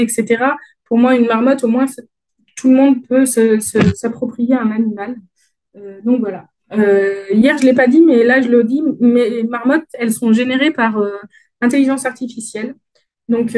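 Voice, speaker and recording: A woman's voice: on the high side, a little mellow, low-quality recording. A woman with a Dauphinois accent giving a conference talk in a friendly way, with many fillers and restarts. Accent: Dauphinois French. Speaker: conference speaker.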